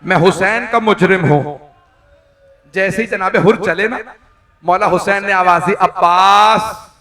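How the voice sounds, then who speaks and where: A man, a cleric delivering a mourning sermon as dramatic storytelling. He speaks slowly and passionately and rises into wailing cries. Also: high voice, bright, forceful tone, far from the mic. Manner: slow, impassioned, swelling into wailing cries. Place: large indoor prayer hall.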